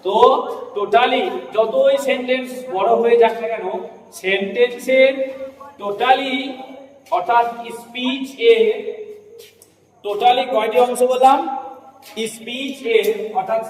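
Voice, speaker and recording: A man's voice: extremely high pitch, steady tone. A male teacher giving a classroom lesson, often stopping to check that his students follow. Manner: keeps checking understanding with quick questions. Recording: echoey hall, voice from far off.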